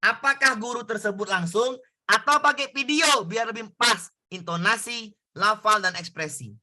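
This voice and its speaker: A male tutor works through exam questions in a casual, back-and-forth way and keeps asking his students for answers. His voice sits high for a man. It sounds very bright and sharp. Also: normal speed. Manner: conversational, asks students questions. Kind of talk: exam prep lesson.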